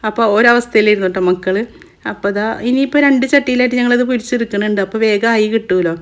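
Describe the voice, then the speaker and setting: A woman's voice: a little high, very fast. A woman with a Kerala Malayalam accent, chatty, giving a casual voice-over for a home cooking video. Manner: chatty, adds tag words after each step. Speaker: cooking vlogger. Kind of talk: casual voice-over narration of a recipe.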